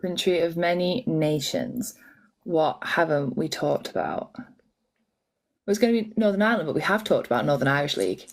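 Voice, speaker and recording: Woman co-host, teasing and giggly, her pitch jumps all over the place. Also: expressive, normal speed. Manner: giggly, teasing, guessing aloud. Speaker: podcast co-host. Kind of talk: casual chat.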